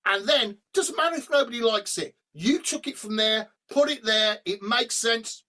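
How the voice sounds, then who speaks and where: A middle-aged man, a rock singer guest on a podcast, telling animated stories over a remote call. He swears freely and breaks into humming and sung snippets. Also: very high voice, moderate pace. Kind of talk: storytelling in a podcast interview.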